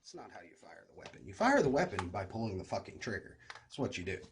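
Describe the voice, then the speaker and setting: A middle-aged man with a slow rustic drawl, giving blunt, sarcastic, sweary firearms commentary. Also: fairly low pitch, big pitch swings, creaky. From West Virginia, United States. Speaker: reaction video host. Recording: loud noise with clicks.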